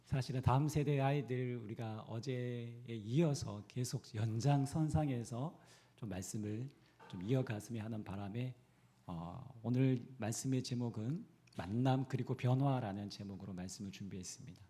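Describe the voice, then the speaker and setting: A man's voice: medium pitch, moderate pace, warm tone. A male pastor from the Gyeongsang region, preaching a sermon in a church and putting questions to the congregation. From Gyeongsang region, Korea.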